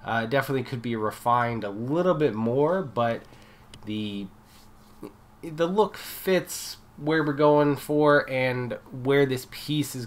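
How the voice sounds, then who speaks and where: A man's voice: mid-range voice, rough recording. A man with a head cold and a nasal voice, casually narrating a metal fabrication build as the channel host, with fillers and restarts.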